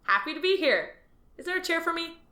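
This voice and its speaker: Voicing an eager, naive male alien new hire in an audio drama, a woman uses a very high-pitched, exaggerated voice that is pushed, bright and brisk with big pitch swings. The character comes across as cheerful, upbeat and earnest, against roomy echo and faint music.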